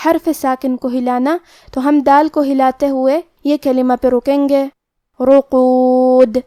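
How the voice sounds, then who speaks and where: Woman teacher going thru pronunciation rules one by one, high clear voice, very dry close sound. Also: mellow, dry recording. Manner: methodical, precise, explains each rule carefully. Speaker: Quran recitation teacher. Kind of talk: step-by-step pronunciation lesson.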